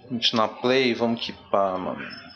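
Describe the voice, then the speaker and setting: A young man from Brazil giving casual, slangy commentary while he plays a card game, muttering to himself with sudden excitable bursts. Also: lowish voice, moderate pace, lo-fi sound, a little hiss or hum. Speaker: streamer playing a card game.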